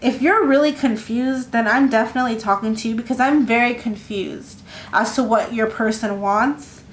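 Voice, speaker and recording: A woman giving a casual tarot reading, talking in a rambling, halting way with many fillers and restarts. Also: on the high side, slight background noise. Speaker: tarot reader. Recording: echoey room with faint ambience.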